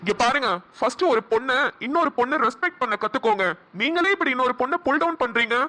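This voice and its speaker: Firm, passionate cartoon young man, performer-voiced, high and bright. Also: animated, quick pace. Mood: indignant. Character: young man, earnest and protective lover. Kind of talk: cartoon voice acting.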